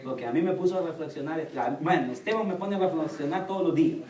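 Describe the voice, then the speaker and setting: High-voiced man preaching in an echoey hall. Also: quick pace. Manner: storytelling, quotes his children in a lively voice. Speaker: pastor. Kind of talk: sermon. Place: church hall. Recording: echoey church hall from far off.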